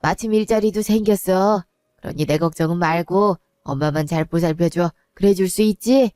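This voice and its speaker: A woman voicing a weary, indebted old father who speaks low, gentle and resigned in a one-voice audio drama. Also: normal speed, no room sound, lightly acted. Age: older.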